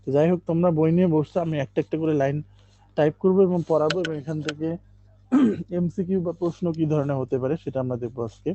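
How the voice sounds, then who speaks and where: This male English teacher, speaking on the high side, runs a live online class where he explains things gradually, peppers his talk with okays, and drills pronunciation by reading lines slowly. The sound is lo-fi, with crowd noise in the background.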